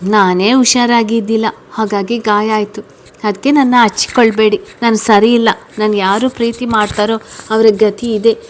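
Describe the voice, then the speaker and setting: A woman's voice: a little high, fairly even intonation, moderate pace, lightly acted. A woman voicing a shy, stubborn young wife in a read-aloud story. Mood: tearful. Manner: pleading then scolding, stubborn. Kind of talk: storybook reading.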